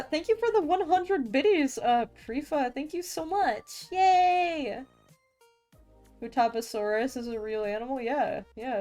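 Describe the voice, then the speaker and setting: A young woman, a VTuber art streamer, chats casually with viewers on a live stream while she draws, often stuttering and restarting her sentences. Her voice is fairly high in pitch with a darkish tone.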